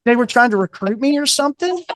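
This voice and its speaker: Middle-aged man, guest author, animated storyteller who acts out quoted voices. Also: very high voice, fast, no echo, studio quality. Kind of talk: casual storytelling interview.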